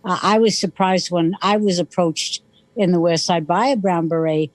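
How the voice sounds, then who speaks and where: A woman speaks as a guest on a radio interview, with a lowish voice and a halting delivery full of uhs. The sound is dry and close. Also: no echo.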